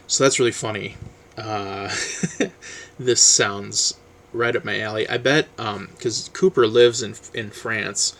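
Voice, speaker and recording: A man vlogging about books in a rambling, casual way, full of ums and trailing off quietly. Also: fairly low pitch, gravelly, a little hiss or hum. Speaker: book vlogger. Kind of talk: casual book review chat, reading blurbs aloud.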